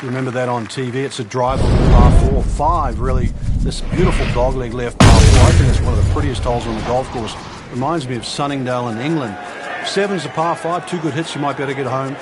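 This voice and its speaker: A man's voice: medium pitch, steady tone, fast talker, loud music behind the voice, natural voice. A man giving informal, conversational golf analysis as a colour commentator, with clipped asides and advice.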